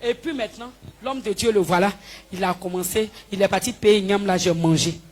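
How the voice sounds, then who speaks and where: A woman giving a spoken healing testimony in church, telling her story with lively, acted-out dialogue. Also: medium pitch, brisk. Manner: animated storytelling, acting out dialogue with the pastor. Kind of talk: spoken testimony before a congregation.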